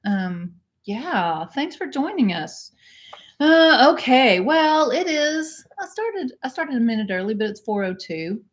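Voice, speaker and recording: A woman's voice: high voice, very animated, a little slow. Woman, casual home livestream, giggly, rambling chatter. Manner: chatty and giggly, with many fillers and restarts. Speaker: co-host of a cruise channel livestream. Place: home indoors.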